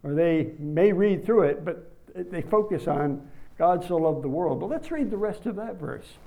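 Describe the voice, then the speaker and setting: A man preaching a sermon, reading scripture slowly and rising to emphatic bursts on key words. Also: sits high, animated, gravelly, dark tone, rough recording.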